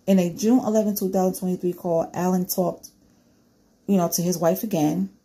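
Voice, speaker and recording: A woman's voice: fairly low pitch, steady tone, brisk, dark tone, husky. A woman commentating on a true crime case. She reads from a news report, then talks casually to her viewers, asking them questions and often saying "you know.". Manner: conversational, poses questions to viewers, many "you know" fillers.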